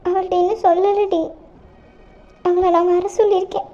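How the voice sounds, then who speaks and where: A woman voicing a kind, gentle middle-aged aunt who consoles a tearful young woman, in an amateur audio drama. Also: very high voice, little pitch movement, moderate pace. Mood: consoling. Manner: soft, consoling. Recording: dull lo-fi recording.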